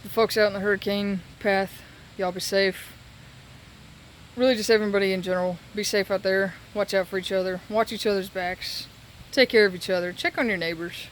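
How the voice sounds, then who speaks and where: A man talking casually and haltingly in a solo update while recovering from surgery with a sore throat. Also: sits high, fairly even intonation, a bit bright, a little hiss or hum, rough recording. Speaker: patient giving a recovery update.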